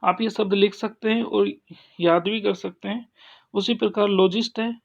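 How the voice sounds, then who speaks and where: A man teaching an English grammar lesson, explaining slowly with frequent pauses and restarts. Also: high voice, fairly even intonation, vocal fry. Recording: dull lo-fi sound.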